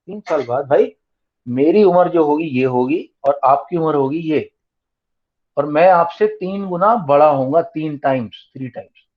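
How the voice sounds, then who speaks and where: A man's voice: fairly high pitch, moderate pace. A male maths tutor teaching an online class, mixing Hindi and English and explaining step by step with repeated key terms. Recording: dull lo-fi online class audio.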